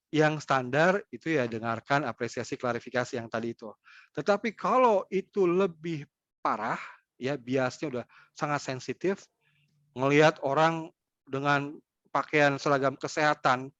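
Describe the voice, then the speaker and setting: A man's voice: a little high, a bit bright, no room sound. Male lecturer, conversational, acts out small examples; lo-fi, dry recording. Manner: conversational, with quick acted-out examples. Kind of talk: online lecture.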